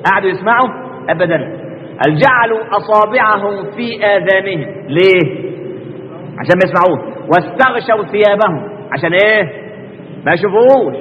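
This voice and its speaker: A man's voice: high-pitched, big pitch swings, a little fast, long reverb tail, dull audio, slight background noise. A man with an Egyptian accent preaching a colloquial religious lesson, constantly posing rhetorical questions and answering them himself. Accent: Egyptian Arabic.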